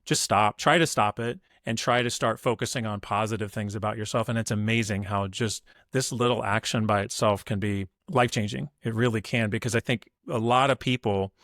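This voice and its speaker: A man's voice: lowish voice, steady tone, brisk, few pauses, a bit bright, no room sound, studio quality. A middle-aged man talking as a podcast guest in an upbeat, motivational way, acting out what people say. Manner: upbeat, motivational, acts out quoted voices. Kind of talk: casual interview conversation.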